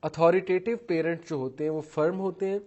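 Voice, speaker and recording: A man's voice: fairly high pitch, steady tone, a little mellow, dull audio. A man giving a talk on parenting styles, listing traits one by one and mixing English terms into his speech, acting out what parents and children say in his examples. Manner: acts out parents' and children's words while telling examples. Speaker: parenting lecturer.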